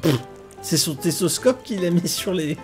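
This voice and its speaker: Slightly high and animated, this male gamer speaks at a moderate pace while casually narrating his playthrough. He reads the game's text aloud and occasionally swears mildly, and the rough recording has game music and rainfall in the background.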